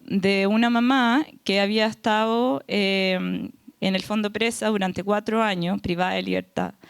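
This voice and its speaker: A woman's voice: mid-range voice, dry recording, clean studio sound. A woman speaking on a panel for a foundation, earnest and explanatory, often checking in with the audience. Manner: earnest, tag questions like "¿ya?". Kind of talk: panel talk.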